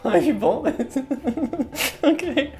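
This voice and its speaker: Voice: sits high, expressive, slow, a little mellow. Giggly, exclamatory vlogger eating sour candy. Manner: giggly, exclamatory, dramatic complaining. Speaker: vlog presenter. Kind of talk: casual reaction vlog chat.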